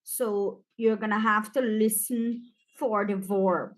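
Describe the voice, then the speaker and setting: A woman teacher with a Caribbean accent, walking students through an exam paper in a relaxed, chatty way and speaking to them directly. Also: mid-range voice, slow pace. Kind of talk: exam practice walkthrough.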